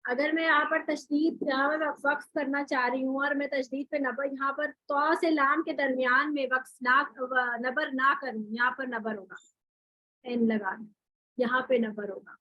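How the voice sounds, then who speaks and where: A woman's voice: sits high, steady tone, measured pace, sharp tone, no room sound, lo-fi sound. Woman teacher, recitation lesson, step-by-step explanations, dry close sound. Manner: explains step by step with rhetorical questions and spoken examples. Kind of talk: online class instruction.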